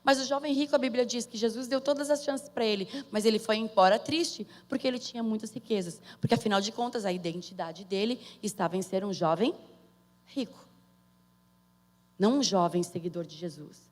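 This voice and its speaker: A woman's voice: mid-range voice, a little fast, a little mellow. A woman with a Brazilian Portuguese accent preaching a sermon in a conversational way, calling out to her listeners. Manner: conversational, calls to the audience for amen. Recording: long hall reverb.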